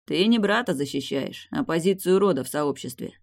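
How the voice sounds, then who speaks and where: A woman's voice: low voice, expressive, normal speed, vocal fry. A woman voicing a hungover, sardonic man who talks drily and mockingly, in an audiobook. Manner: dry, mocking.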